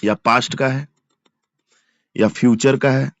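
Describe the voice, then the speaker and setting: Man teaching grammar, slow repeated examples. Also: mid-range voice, steady tone, no echo. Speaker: English teacher. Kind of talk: exam-prep grammar lesson. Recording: dull lo-fi sound, dry.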